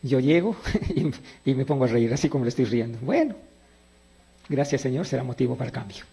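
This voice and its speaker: A man's voice: medium pitch, brisk, creaky, husky. A middle-aged man preaching a sermon, asking his listeners questions and telling his own stories. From Peru. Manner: animated, asks the audience questions and answers them. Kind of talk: sermon with personal anecdotes.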